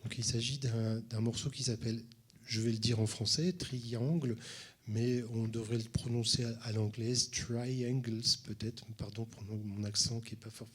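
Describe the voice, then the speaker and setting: A man's voice: lowish voice, level tone, moderate pace, slightly rough. A man who teaches cello, introducing the next piece at a concert and often restarting his phrases. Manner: hesitant, many restarts. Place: concert hall at a conservatory.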